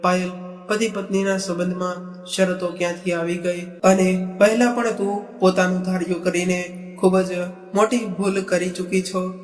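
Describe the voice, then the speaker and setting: Man reading hurt young husband, high even voice, roomy echo. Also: a little slow, far from the mic, soft background music. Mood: pleading.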